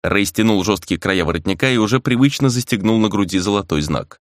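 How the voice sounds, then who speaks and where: Low-voiced male audiobook narrator. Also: animated, brisk, no echo, clean studio sound.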